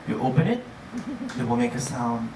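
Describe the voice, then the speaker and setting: Here a man plays the cheerful, joking cruise director entertaining an audience, frequently laughing at his own lines. His mid-range voice is expressive and moves at a moderate pace. A far-off microphone captures him in a noisy, reverberant room.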